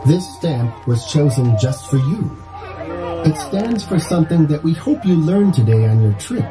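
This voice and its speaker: A man playing a theatrical male train conductor, giving a booming welcome announcement over a loudspeaker after a chime. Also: very animated, unhurried, music in the background, low-quality recording. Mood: ceremonious.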